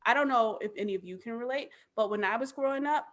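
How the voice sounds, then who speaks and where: A woman in her thirties, a podcast guest, talking in an animated, emphatic casual way with lots of "like". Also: a little high, fast talker. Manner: animated, emphatic, frequent "like" fillers. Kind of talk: casual chat.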